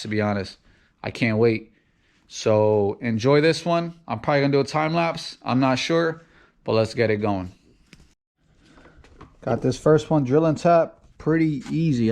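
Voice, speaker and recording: Man with a flat, monotone garage-vlog voice. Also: medium pitch. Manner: flat, self-described monotone delivery. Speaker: car build vlogger.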